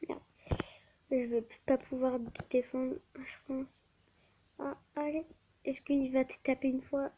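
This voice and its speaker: A woman's voice: high-pitched, level tone, takes it slowly, pauses often, breathy edge. A woman giving live gameplay commentary on her channel, often stammering and restarting words, recorded on a tablet mic. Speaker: gaming channel host. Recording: dull lo-fi with faint hiss.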